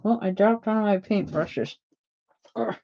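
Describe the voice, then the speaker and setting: A woman's voice: mid-range voice, a little slow, gravelly. Chatty woman painting, dull lo-fi sound. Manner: chatty, rambling, talks to viewers and husband. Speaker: saw painter streaming her work. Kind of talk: casual chat while painting.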